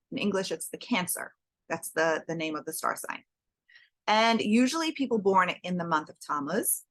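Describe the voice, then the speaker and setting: A woman's voice: medium pitch, a bit bright, no echo. Woman giving a torah class, earnest, kinda storytelling, dry close sound. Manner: earnest, storytelling, repeats words for emphasis. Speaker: Torah teacher. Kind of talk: spiritual class on the Hebrew months.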